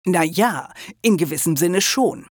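A man's voice: sits high, expressive, a little slow, no room sound, clean studio sound. A man voicing an ancient, smug male wizard hologram who talks down to people in a lecturing way, in an audiobook. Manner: condescending, lecturing.

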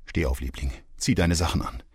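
A man's voice: very deep voice, fairly quick, a little mellow, husky, dry recording, clean studio sound, exaggerated voice. A man voicing a thin, haggard mother who speaks urgently and coldly, read as an audiobook character. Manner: urgent, clipped, cold.

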